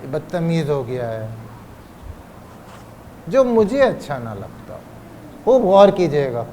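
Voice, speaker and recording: A man's voice: a little high, sing-song, warm tone, a little hiss or hum. A man giving a religious lecture, asking rhetorical questions and stretching out key phrases for emphasis. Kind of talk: Urdu religious lecture on parenting.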